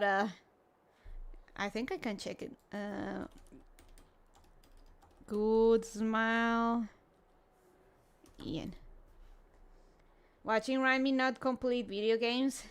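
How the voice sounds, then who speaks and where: Female livestream host, cute anime-streamer style, high voice, unhurried pace, playful casual chat. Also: a bit bright, clean tone. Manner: sprinkles Japanese greetings into talk. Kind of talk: casual livestream chat, reacting to videos and greeting viewers.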